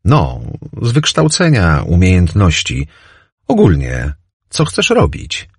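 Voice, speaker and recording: A man voicing a reserved young man who talks about wanting steady work in a calm, earnest way. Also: low-pitched, slow, breathy edge, no room sound, clean studio sound, exaggerated voice.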